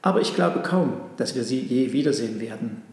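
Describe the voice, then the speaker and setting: A man's voice: medium pitch, animated, a little fast, a little mellow, very echoey, long reverb tail, lightly acted. A man voicing a young reformed robber in a storybook, earnest and fretful.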